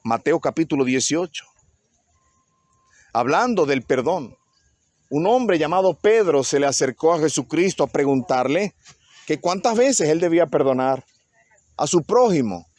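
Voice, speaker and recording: A man, a pastor giving an animated sermon who keeps putting questions to the congregation. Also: on the high side, unhurried, pauses often, dry recording.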